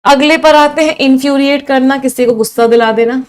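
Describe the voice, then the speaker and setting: Young woman, Indian English accent, fairly high voice, exam-prep vocabulary teacher who repeats and quizzes. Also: brisk.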